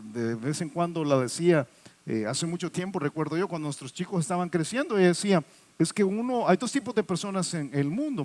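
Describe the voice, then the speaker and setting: High-voiced preaching man. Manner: talks to the congregation with questions. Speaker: pastor. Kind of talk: sermon.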